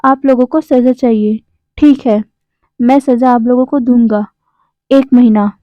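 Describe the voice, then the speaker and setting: A bossy young man laying down the law to his partners, read by a woman in her own high voice. The tone is firm and scolding. It is captured in a dry, slightly dull recording. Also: fairly even intonation, unhurried, dry recording, natural voice. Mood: stern. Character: stern young male mother-figure, bossy with partners.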